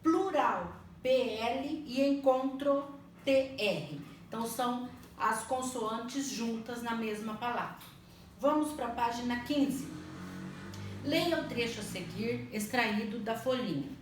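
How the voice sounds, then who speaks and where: A woman teaching a primary school language lesson, spelling out words slowly and patiently, often checking that the children follow. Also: on the high side. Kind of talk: slow, clearly spelled-out online lesson. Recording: echoey room, mic at a distance, faint noise.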